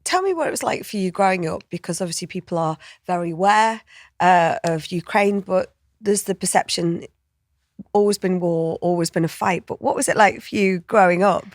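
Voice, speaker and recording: A woman's voice: lowish voice, moderate pace, no echo, clean studio sound. A woman hosting a podcast interview, asking questions in a conversational way. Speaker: podcast host.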